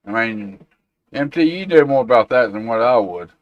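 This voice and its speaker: A man's voice: medium pitch, animated, moderate pace, no echo, dull audio. A man hosting a tech show, chatting casually and informally and reacting to viewer comments. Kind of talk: casual livestream chat.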